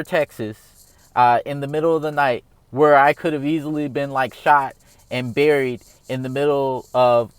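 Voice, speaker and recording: A man's voice: mid-range voice, clean tone, no room sound. Earnest rambling man in his thirties. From United States. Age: 30s. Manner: earnest, rambling, emphatic, repeats "all right?". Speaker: vlogger. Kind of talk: casual opinion monologue.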